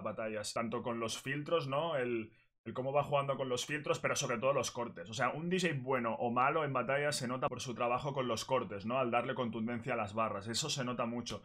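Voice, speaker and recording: A man's voice: mid-range voice, fairly bright tone. Spanish guy chatting over a video, explains stuff as he goes, medium voice. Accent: Spanish from Spain. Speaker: reaction video host. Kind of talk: casual commentary.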